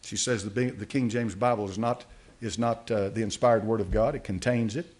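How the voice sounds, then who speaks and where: A man's voice: lowish voice, steady tone, moderate pace, a little mellow. An older man preaching a sermon from a church podium, reading aloud and commenting with many fillers and restarts. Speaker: pastor. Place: church sanctuary. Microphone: podium mic.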